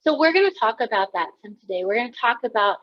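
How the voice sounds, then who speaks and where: Chatty woman storyteller, slightly higher voice. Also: expressive, fast talker, no echo, dull audio. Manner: chatty and candid, many fillers, personal storytelling. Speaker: counselor giving a talk. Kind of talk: conversational presentation.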